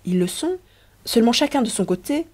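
A woman's voice: on the high side, expressive, a little fast, a little mellow, voice pushed up. A woman reading as a witty teasing young wife. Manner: teasing, arch.

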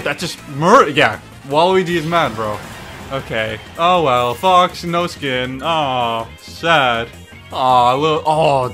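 A man giving excited, casual video game commentary, exclaiming and swearing freely as he plays. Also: on the high side. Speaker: gaming streamer.

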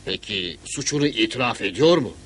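A middle-aged man acting a just, cautious governor in a period drama, questioning with measured authority. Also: medium pitch, lively intonation, fairly bright tone, a little hiss or hum, lightly acted. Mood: grave, cautious.

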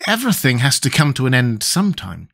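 A man voicing a brisk, practical young boy in a children's storybook. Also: on the high side, sing-song, a bit bright, pitched above the performer's own voice. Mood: indignant.

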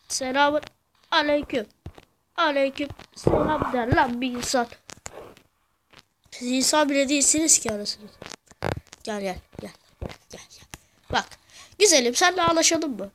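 A woman giving rowdy gameplay commentary, cursing and yelling at the game as she plays. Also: high voice, noisy background. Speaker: gamer.

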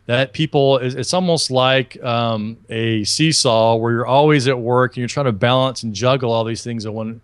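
A man in his thirties from Alabama, a podcast guest on a casual video-call interview, talks upbeat and chatty through an earbud headset mic, often restarting sentences. His mid-range voice holds a steady tone at a moderate pace with few pauses, smooth and studio-clean with no room sound.

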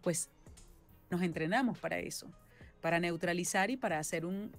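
A woman from Venezuela, a voice actress, explaining her work at length in a relaxed interview, often ending thoughts with a questioning tag. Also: fairly low pitch, normal speed, faint music behind. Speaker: voice actress and singer-songwriter, guest. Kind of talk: casual interview chat.

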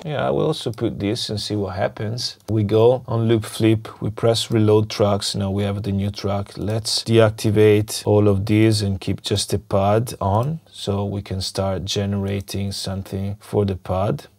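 A music production tutor with a cold, losing his voice, demos software in a screen-recorded tutorial from a small, dim home studio. His lowish voice moves at a measured pace with few pauses as he relaxedly thinks aloud while clicking through. He wears a lapel mic, and music from the session plays clearly beneath his voice.

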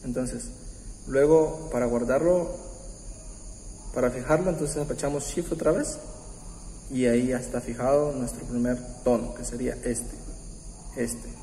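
A man hosting a keyboard tutorial, explaining step by step in a patient, halting way with many pauses and restarts. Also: mid-range voice, a little hiss or hum. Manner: warm, patient, uses religious greeting. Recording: roomy, echoey room with long reverb. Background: faint keyboard music.

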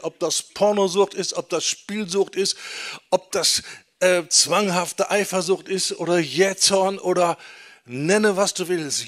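A middle-aged man preaching a teaching sermon in a church, emphatic, slowing down and repeating key phrases for stress. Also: a little high, a bit bright. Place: church hall.

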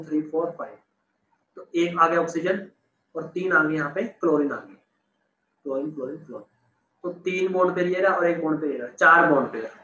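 A man's voice: sits high, bright, forceful tone, muffled recording. A young man teaching chemistry in an online class, talking casually, repeating terms and checking that students follow. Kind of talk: online class explaining on a board. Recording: echoey room.

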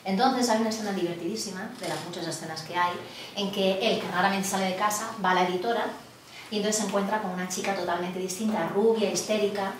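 A woman leading a body psychotherapy workshop, lecturing a group in an animated, digressive way and asking them questions. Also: mid-range voice, quick pace. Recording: echoey room, distant mic, background noise.

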